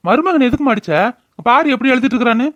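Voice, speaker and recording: A man's voice: extremely high pitch, quick pace, fairly bright tone, dry recording, dull audio. A voice actor playing a stern, fair-minded middle-aged brother who questions his sister, in a cartoon. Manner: firm, questioning. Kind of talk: cartoon voice acting.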